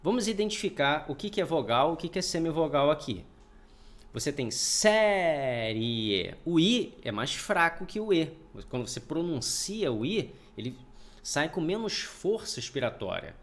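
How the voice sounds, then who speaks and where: A male teacher giving a recorded online grammar lesson. His pitch rises and falls a lot as he explains patiently, sounds out each syllable and keeps checking that students follow. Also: very animated, moderate pace. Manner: explanatory, repeats points, checks in with "tá?". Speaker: Portuguese teacher.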